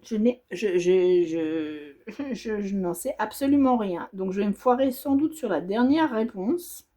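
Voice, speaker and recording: A woman who makes embroidery vlogs reads quiz options aloud and muses over them hesitantly as she stitches, keeping things casual. She talks at a measured pace in an animated, medium-pitched voice with a dark tone.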